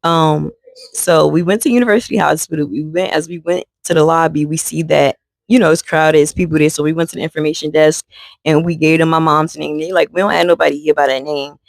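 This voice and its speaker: A woman's voice: low-pitched, fairly even intonation, fairly quick, vocal fry, no echo. A woman vlogger telling an emotional true story, talking casually to her viewers. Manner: conversational, addresses viewers as y'all.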